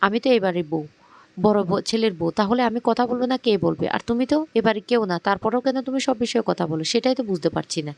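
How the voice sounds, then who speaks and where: A man's voice: high voice, racing, gravelly. A man voicing a scornful young daughter-in-law who talks back in a sneering, defiant way.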